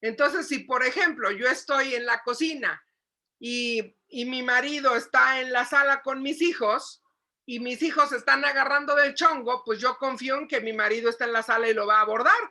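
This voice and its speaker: Woman, psychologist, lively parenting lecture, high voice, bright tone. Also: normal speed. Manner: animated, asks the audience questions, acts out shouting. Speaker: psychologist giving a parenting talk.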